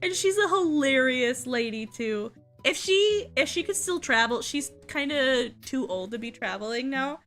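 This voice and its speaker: A woman's voice: high voice, expressive, unhurried, fairly bright tone, soft background music. A young woman chatting casually on her stream, giggling and laughing often between sentences. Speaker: VTuber streamer.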